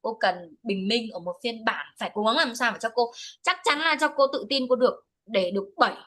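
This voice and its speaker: A woman's voice: on the high side, a little fast, fairly bright tone, poor audio. A woman teaching speaking over a video call, switching between English and Vietnamese as she corrects a student firmly. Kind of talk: one-to-one speaking test feedback.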